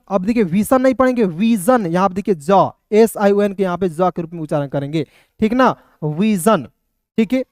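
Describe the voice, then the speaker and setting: Studio-quality and echo-free, the recording captures a high-sitting voice with a darkish tone. In this online pronunciation lesson he spells words out slowly, letter by letter, and repeats each for the viewers he calls friends.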